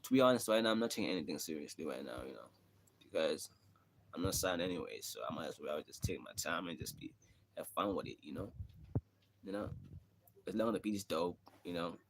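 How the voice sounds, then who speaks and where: A young South African man with a very low, deep voice talks casually on a livestream, drifting between thoughts and filling gaps with easy asides. His South African accent colors every line, and a faint hiss sits under the recording. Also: animated, fairly quick. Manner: rambling, laid-back, frequent "you know" fillers. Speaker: livestreaming rapper. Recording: faint background noise.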